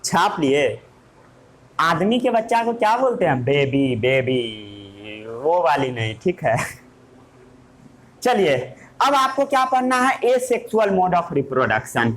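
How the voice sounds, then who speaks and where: A man with a high, sing-song voice teaches a classroom lesson at a slow pace. He playfully asks questions and then answers them himself.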